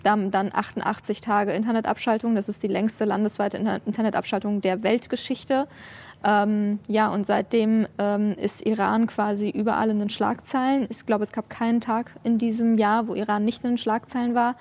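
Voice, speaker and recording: Interviewed as a journalist and human rights activist, a woman from Germany explains her points with frequent hesitant hums between clauses. She speaks at a moderate pace with flat delivery and a medium-pitched, darkish tone.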